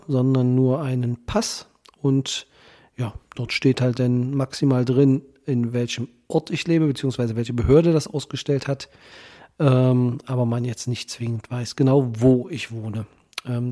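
A male podcast host talks informally through a head cold. His voice is nasal and congested, on the dark, soft side, and his delivery halts often as he searches for words. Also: medium pitch. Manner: hesitant, halting delivery with many ehs and ums. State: has a cold. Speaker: podcast host, legal guardianship professional.

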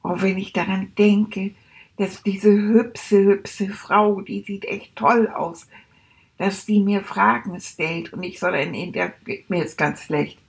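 A woman's voice: medium pitch, expressive, measured pace. A woman voicing a small, timid male rat who is anxious and keeps repeating himself, in a children's audio story. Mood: nervous, fretful.

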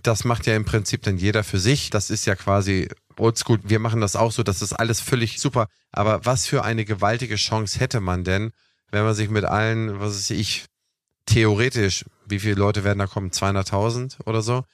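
On a casual talk show, a young man serving as podcast host explains things at length, chatty and full of "ne?" and "was weiß ich". He speaks briskly in a lowish, steady tone, captured in a dry, clean studio recording.

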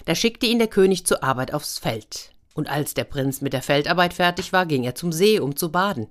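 A woman narrating a fairy tale in a gentle, expressive storytelling manner. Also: low voice, normal speed. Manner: gentle, expressive storytelling, brief voices for figures.

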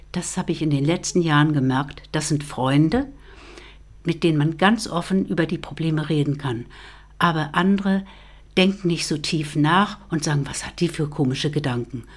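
Woman, low voice, podcast guest, thoughtful, hesitant, fillers and restarts. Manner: reflective, halting, with fillers and restarts. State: married. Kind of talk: personal account in a podcast.

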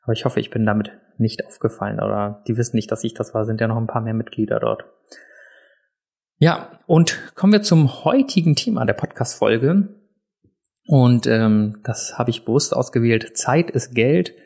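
A man's voice: medium pitch, normal speed, gravelly, darkish tone, slightly rough. A man talks casually into a desk microphone as the host of his own podcast. He is chatty and pokes fun at himself, with frequent um and uh fillers. He sits indoors in a room set up for recording. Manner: chatty, self-deprecating, many filler sounds. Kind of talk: casual solo podcast chat. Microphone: podcast mic on a desk, also filmed for video.

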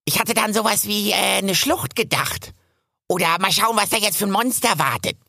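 A man's voice: high voice, moderate pace, vocal fry, bright, forceful tone, no room sound, studio quality, voice pushed up, exaggerated voice. A man voicing a chatty, cheerful squirrel in a storybook, talking in a choppy, rambling stream.

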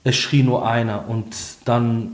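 A man's voice: mid-range voice, little pitch movement, roomy sound. Earnest young man telling his story. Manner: earnest, halting storytelling with restarts. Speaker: guest sharing a conversion testimony. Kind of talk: personal testimony in conversation.

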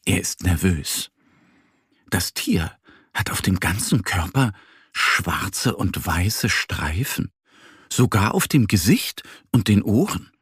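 A man narrating a children's story slowly and gently, with a husky voice. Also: low voice, no echo, studio quality. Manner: slow, gentle, expressive.

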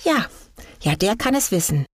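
A woman's voice: medium pitch, sing-song, normal speed, breathy edge, no room sound, studio quality. A woman voicing a young fir tree, eager and naive, in a wondering, questioning tone. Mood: hopeful.

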